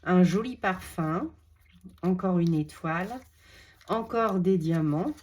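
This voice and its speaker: Femme française, enthousiaste et lente. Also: female voice, lowish voice, slow pace, a little mellow. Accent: French. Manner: gushing, repeats words, many fillers. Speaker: crafting vlogger showing a haul. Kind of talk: casual unboxing chat.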